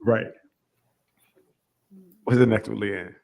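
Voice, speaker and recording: A man's voice: fairly low pitch, steady tone, slow, vocal fry, a little mellow. A man hosting a casual radio panel chat, upbeat and joking as he calls on his co-hosts. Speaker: radio show host.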